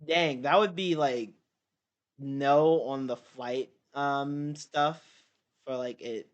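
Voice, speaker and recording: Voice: medium pitch, slow pace, dull audio. A young adult streamer chatting casually in a slangy, repetitive, exclamatory way. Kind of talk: casual reaction chat.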